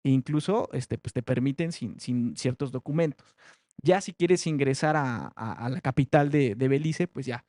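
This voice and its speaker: A man's voice: medium pitch, moderate pace, darkish tone, no echo, studio quality. A man giving a classroom research presentation, talking conversationally with many fillers and tag questions.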